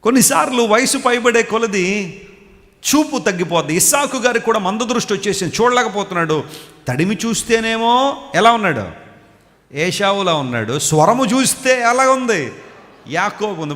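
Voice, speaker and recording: A man's voice: sits high, expressive, normal speed, a bit bright. A man preaching a sermon, telling stories and asking his listeners questions directly. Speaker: pastor. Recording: long hall reverb.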